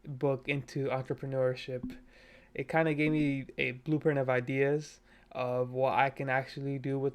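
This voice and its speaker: A Nepali man in his twenties records a self-improvement vlog from his bedroom at his parents' house, using a cheap USB desk mic. His medium-pitched voice is smooth with a darkish tone. He sounds earnest and casual, motivating himself and loose with his fillers.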